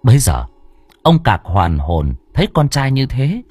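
A man narrating a ghost story in an expressive, dramatic way. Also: mid-range voice, a little slow, slightly rough, dry recording, faint music behind. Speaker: audiobook narrator.

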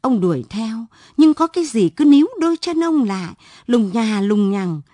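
A woman narrating a story in an expressive, dramatic reading. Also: a little high, normal speed, no room sound.

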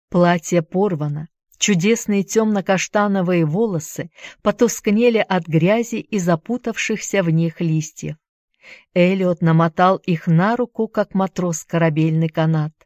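A woman reads a novel aloud in a steady, measured way. Her voice sits low for a woman. The recording is dry, with no room sound. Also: no echo. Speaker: audiobook narrator. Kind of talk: scripted narration. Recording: dry close studio sound.

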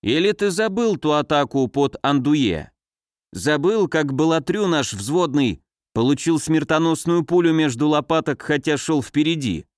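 A man's voice: a little high, expressive, a little slow, dry recording, studio quality. A man voicing a blunt, stubborn old blind man who talks back defiantly. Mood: menacing.

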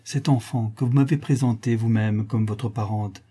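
A man's voice: medium pitch, steady tone, normal speed, dark tone, slightly rough, natural voice. A man reading the part of a proud marquise, indignant and impatient.

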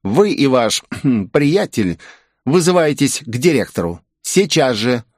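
A man voicing a strict, cold male professor with a creaky, severe manner. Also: medium pitch, sing-song, slow, dry recording, studio quality, voice pushed up.

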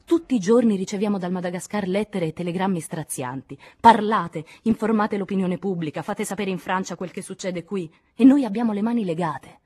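A heated, insistent male activist, as a woman reads him aloud in an audiobook. The voice stays low and husky, pressing hard and reproaching the listener. It sounds dark and weighted rather than bright. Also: expressive, fast. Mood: irritated. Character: vehement middle-aged male communist activist.

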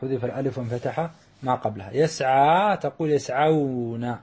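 A man's voice: a little high, fairly quick, darkish tone, slightly rough. A man teaching a grammar lesson, explaining step by step and drawing out the example words.

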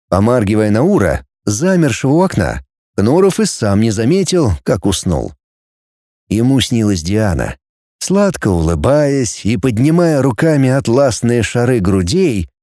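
A man narrating an audiobook with an expressive reading style. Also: medium pitch, no room sound, clean studio sound. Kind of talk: scripted story narration.

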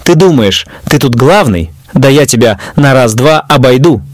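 A man's voice: medium pitch, lively intonation, moderate pace, no room sound, clean studio sound, natural voice. A man voicing a drunk, arrogant young man who sneers and taunts the people around him. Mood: taunting. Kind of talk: audio story narration.

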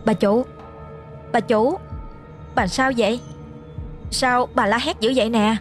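A woman's voice: on the high side, fairly even intonation, takes it slowly, voice pushed up. A timid young servant girl , played by a woman storyteller, speaks in a raised, anxious voice. She sounds deferential, with a Southern Vietnamese accent. Faint music plays in the background. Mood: worried.

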